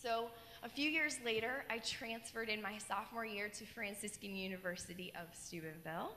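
A woman's voice: mid-range voice, moderate pace, slight background noise. Earnest young woman telling her story on stage. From Colorado. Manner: earnest storytelling, animated gestures. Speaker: keynote speaker. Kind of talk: personal testimony talk. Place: large dark stage in an auditorium. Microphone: handheld mic. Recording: long hall reverb.

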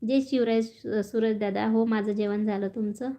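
A woman's voice: mid-range voice, steady tone, normal speed, mellow. A woman chatting casually on a phone live stream, reading out viewer comments and laughing often. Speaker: vlogger reading live chat.

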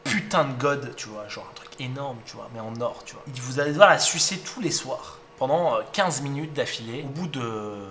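A poker streamer commentating his hands and telling a joke, excitable and playful. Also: mid-range voice, a little fast, few pauses, faint music behind.

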